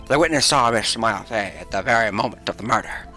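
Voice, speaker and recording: A man voicing an eager, blustering male police detective in a video game, loud and saying "sir" over and over. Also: fairly low pitch, animated, fairly quick, soft background music.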